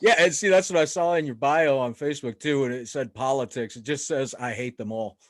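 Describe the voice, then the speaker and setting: A podcast host with a mid-range voice runs a casual interview show, asking questions at a fairly quick clip. He's upbeat and chatty and laughs a lot. The studio-quality recording has no echo.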